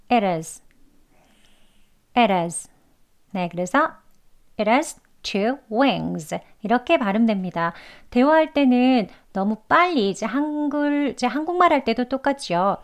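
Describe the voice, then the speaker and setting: A woman teaching English pronunciation, repeating phrases slowly and carefully for learners. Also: fairly high pitch. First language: Korean. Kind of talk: pronunciation lesson.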